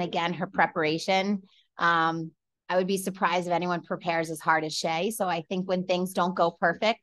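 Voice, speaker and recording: A woman coach in her forties answers reporters' questions from an office through a laptop webcam. Her voice sits slightly low, and the sound is dry and close, with no room around it. She speaks in a measured way, with many fillers and restarts. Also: a bit bright, dry recording. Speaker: head coach. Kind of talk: postgame press conference answers. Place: indoor office with large window. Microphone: laptop webcam on video call.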